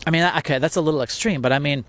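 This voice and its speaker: A man's voice: a little high, steady tone, racing, a bit bright. Man musing through rhetorical questions. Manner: conversational, many restarts and rhetorical questions. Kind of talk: reflective casual monologue.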